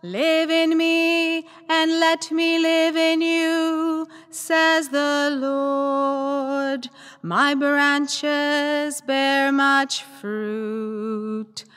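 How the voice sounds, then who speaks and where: Woman cantor, slow held psalm lines, cathedral echo with long reverb. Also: high voice, flat delivery, a bit bright. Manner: slow, sustained sung phrases. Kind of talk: sung responsorial psalm. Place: large church. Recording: long church reverb with organ.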